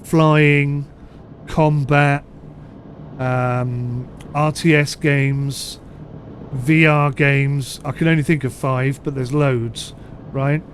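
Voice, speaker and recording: A man's voice: mid-range voice, steady tone, very slow, a little hiss or hum. A man casually commenting on a ship simulator during a live stream, chatty and self-deprecating, reading chat comments aloud.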